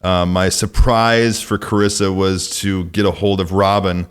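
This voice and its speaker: A man hosts a relaxed podcast conversation and keeps the exchange easygoing and appreciative. His voice sits a little lower than most men's, and he often pauses on "uh" as he talks. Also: clear, resonant tone. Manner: easygoing, appreciative, with frequent "uh" fillers. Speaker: podcast host.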